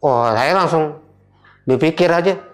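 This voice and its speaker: A young man, casually telling a personal ghost story as a guest, in an animated, dramatic way full of fillers. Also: a little high, a little slow.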